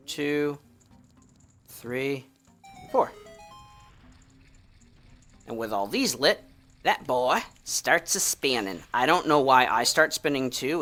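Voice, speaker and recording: A man streams a video game and chats casually in a let's-play style, joking and laughing a lot. His voice is medium in pitch, bright, and forceful.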